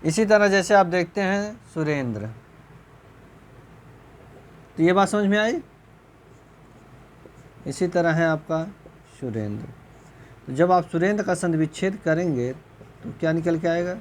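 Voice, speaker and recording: A man teaching a recorded exam-prep grammar lecture, repeating points slowly, often clearing his throat, and checking whether students understood. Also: lively intonation. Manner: slow, repetitive, checks understanding with rhetorical questions; voice drops low at the end of answers. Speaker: Hindi teacher.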